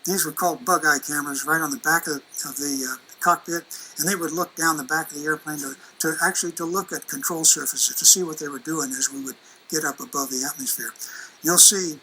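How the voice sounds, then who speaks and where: Older guy giving a folksy engineering talk, bright edgy voice, chatty. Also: on the high side, fairly even intonation, a little fast, a little hiss or hum, poor audio. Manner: folksy, conversational, many restarts. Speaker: aerospace engineer giving a lecture. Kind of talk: presentation with slides and video clips.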